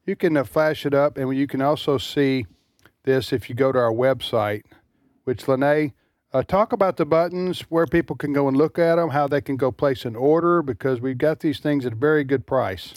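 A man hosting casual talk radio in a studio, folksy and halting, often repeating words. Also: mid-range voice, a little mellow, dry recording. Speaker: radio host, ministry president.

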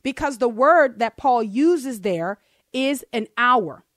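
A woman's voice: fairly high pitch, expressive, takes it slowly, fairly bright tone, no echo, clean studio sound. A woman co-hosting a radio show, teaching scripture in an emphatic, fervent way, repeating phrases for emphasis. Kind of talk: impassioned radio Bible teaching. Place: radio studio.

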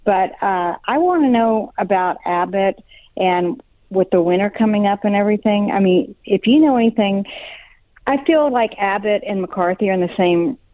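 A woman's voice: medium pitch, normal speed, no echo. A woman from South Texas calling in over the phone to a talk show, speaking in a rambling, hesitant way. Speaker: caller. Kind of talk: call-in radio chat. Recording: tinny phone line.

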